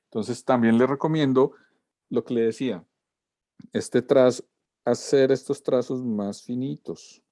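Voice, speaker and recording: A man's voice: mid-range voice, unhurried, mellow, no room sound, clean studio sound. A man, a lettering teacher giving a student feedback over a video call, walking through corrections step by step. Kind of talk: class critique of student work.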